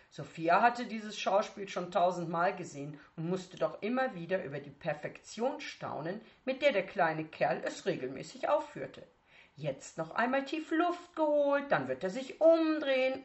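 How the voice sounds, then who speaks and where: A woman's voice: mid-range voice, a bit bright, muffled recording. A woman reading a story aloud, acting out the dialogue with expression. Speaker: reader. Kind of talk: audiobook narration.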